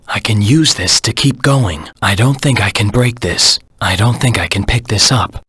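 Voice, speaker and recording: Shadow, a husky, brooding hedgehog antihero. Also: male voice, lowish voice, bright, forceful tone, no echo, full character voice. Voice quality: gravelly, husky. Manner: terse, serious, coolly analytical. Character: brooding, gruff male anthropomorphic hedgehog antihero. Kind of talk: scripted video game voice lines.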